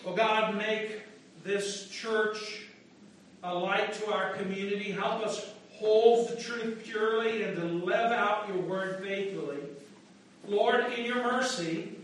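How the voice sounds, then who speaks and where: High-voiced pastor in cathedral echo. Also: male voice, steady tone, fairly bright tone, far from the mic, a little hiss or hum. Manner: measured, solemn intoning. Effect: large church echo. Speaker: pastor leading worship. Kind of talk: liturgical prayer and chant. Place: large church sanctuary. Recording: echoey church heard from afar.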